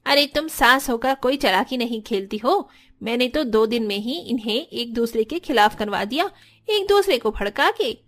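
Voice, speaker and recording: A woman's voice: on the high side, lively intonation, normal speed, a bit bright. A woman voicing a sly, scheming aunt-in-law. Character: scheming meddling aunt-in-law stirring up family fights. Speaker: voice actor. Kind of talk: dubbed cartoon dialogue.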